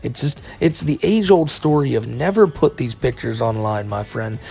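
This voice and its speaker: Guy doing casual drama commentary, sarcastic, kinda in disbelief, medium pitch voice. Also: animated, moderate pace, vocal fry, a little mellow, breathy edge. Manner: sardonic, incredulous. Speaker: commentary video narrator.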